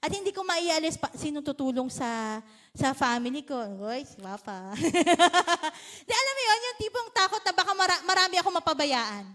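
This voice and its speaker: A woman's voice: high voice, big pitch swings, normal speed, bright, forceful tone. A woman pastor with a Filipino accent, giving a sermon in a chatty, playful style and teasing the congregation. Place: church service.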